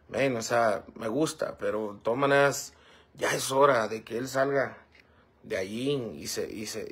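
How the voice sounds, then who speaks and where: Male livestream host, gravelly, husky voice, rambling casual chat with viewers. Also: mid-range voice, a bit bright. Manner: rambling, fillers like "este" and "¿verdad?". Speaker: livestream host reading comments.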